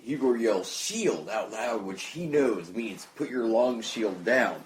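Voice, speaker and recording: A low-voiced man at a game table, eagerly explaining his plans for the next move. The sound is roomy, with echo from the room around the table. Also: a little slow, slight background noise. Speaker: player. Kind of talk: casual tabletop play.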